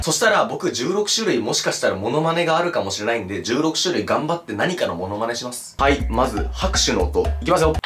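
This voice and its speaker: A young man hosts a comedy video in excitable casual chat. His voice sits a little high and swings widely. Clear music plays behind him. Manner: excitable, quick swings in pitch, joking complaints.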